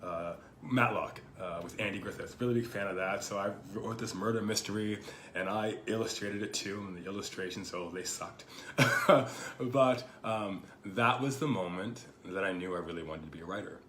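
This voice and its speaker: This podcast host's voice sits lowish and a little hoarse from a lingering cold, though his tone comes across fairly bright. He reflects loosely and thoughtfully on his own show, leaning on "you know" while working through ideas in an unpolished, personal way. Faint background noise and echo come from the roomy space he's recording in.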